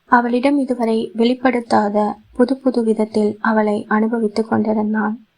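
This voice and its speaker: A woman reads a romantic audio novel aloud in a soft, steady voice. Her pitch sits a little high and barely moves, keeping the narration even and calm. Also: measured pace, low-quality recording. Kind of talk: scripted romantic story narration.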